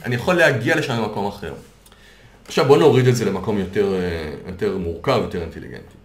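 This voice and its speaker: A man's voice: lowish voice, lively intonation. A man coaching on a podcast, patiently explaining ideas through worked examples. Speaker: coach and consultant. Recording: roomy echo.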